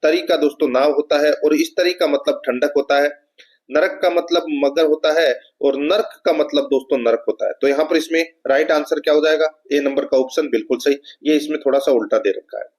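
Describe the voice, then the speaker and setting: A man's voice: a little high, brisk, a little mellow. A man teaching an exam-prep lesson, repeating key phrases and asking rhetorical questions that he answers himself. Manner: repeats key phrases and often addresses viewers as friends.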